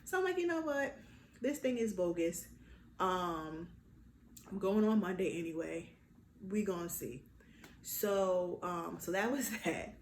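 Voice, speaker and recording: A young adult woman telling a personal story in a casual vlog, lively and acting out the quotes. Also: unhurried. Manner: animated, acts out quotes with big pitch jumps. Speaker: vlogger. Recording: echoey room with faint noise.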